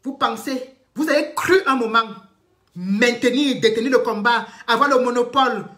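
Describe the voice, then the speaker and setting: Defiant woman. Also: normal speed. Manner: defiant, repetitive, swings from loud declarations to low muttered threats. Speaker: online commentator. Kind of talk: impassioned live-stream rant.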